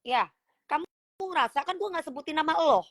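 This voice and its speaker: A woman's voice: high-pitched, lively intonation, brisk, fairly bright tone. A woman, hosting a phone livestream, reading comments aloud and teasing her critics in a sassy, confrontational way. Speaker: livestream host.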